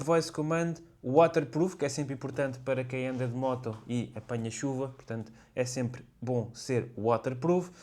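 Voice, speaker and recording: A motorcycle vlogger with a European Portuguese accent reviews gear to camera, explaining things in a casual, conversational way. His voice is a little high, with a darkish tone.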